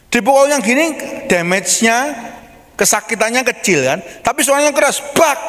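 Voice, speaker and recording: A male pastor, preaching a sermon as a lively storyteller who acts out the voices of the people in his stories. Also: high voice. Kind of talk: sermon with acted-out quotes. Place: church hall. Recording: long church-hall reverb.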